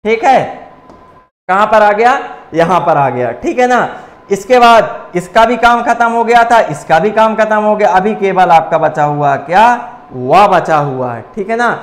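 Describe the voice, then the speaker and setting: High-voiced male teacher in an echoey room. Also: lively intonation, moderate pace. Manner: rhetorical question-and-answer drilling. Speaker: coaching teacher. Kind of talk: classroom lecture.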